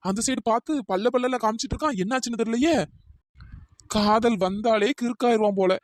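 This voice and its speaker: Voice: mid-range voice, fairly even intonation, fast, no room sound, clean studio sound, lightly acted. Voice actor doing a teasing cartoon buddy. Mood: musing. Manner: mocking, joking. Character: teasing young male friend of the hero.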